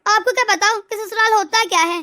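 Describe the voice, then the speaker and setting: A spoiled, tearful young bride in an animated family story, voiced by a woman. Her very high, bright voice sobs and whines as she complains. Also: brisk. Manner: sobbing, whiny.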